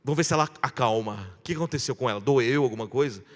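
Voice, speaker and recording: A man with a Brazilian Portuguese accent preaching a sermon as a pastor. He speaks emphatically, stacks repeated phrases, and moves between loud declarations and hushed storytelling. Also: medium pitch, fast talker. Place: large church hall. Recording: church sound with long hall reverb.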